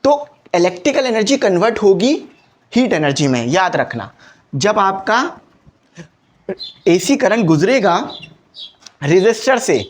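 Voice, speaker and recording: A male physics teacher gives an exam-prep lecture. He explains step by step, repeats the key points and asks quick quiz questions. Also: high-pitched, big pitch swings.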